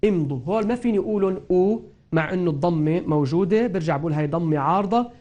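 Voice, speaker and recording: A man with a Lebanese accent teaching a recitation lesson, explaining patiently and repeating example words slowly. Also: high-pitched, lively intonation, darkish tone, lo-fi sound. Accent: Lebanese Arabic. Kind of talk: spoken grammar and tajweed lesson.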